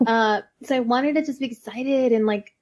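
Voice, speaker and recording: A woman's voice: fairly high pitch, moderate pace, a little mellow. A woman in her forties hosting a podcast, chatting enthusiastically and playfully with her guest. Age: 40s. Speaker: podcast host. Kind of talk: casual interview talk.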